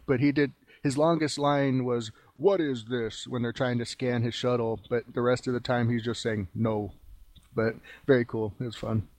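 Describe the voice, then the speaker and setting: Man, podcast co-host, monotone, filler-heavy casual storytelling, dry sound. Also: mid-range voice, normal speed, few pauses, no room sound. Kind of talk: casual chat.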